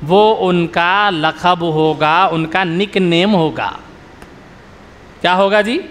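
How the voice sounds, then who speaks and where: A middle-aged male religious scholar lecturing a live crowd in a fairly high voice. He tells homely stories and keeps stopping to quiz his listeners, repeating the key point until they answer. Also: slow pace, fairly bright tone, long reverb tail, a little hiss or hum. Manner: quizzes the audience with repeated questions; storytelling with everyday examples. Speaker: Islamic scholar, maulana.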